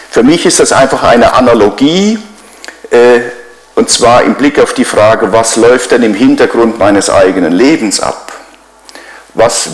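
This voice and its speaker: A man's voice: medium pitch, roomy sound, low-quality recording. A middle-aged man giving a conversational sermon as a pastor, driving his points home with repeated rhetorical questions.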